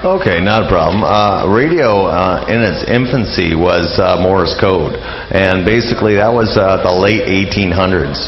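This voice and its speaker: A low-voiced man with lively intonation speaks a little slowly, with some hiss or hum on the track. He's an old-time radio enthusiast being interviewed in a live radio lounge where people come and go, answering casually in a hesitant, rambling way. The audio is muffled, in an echoey room full of a busy crowd.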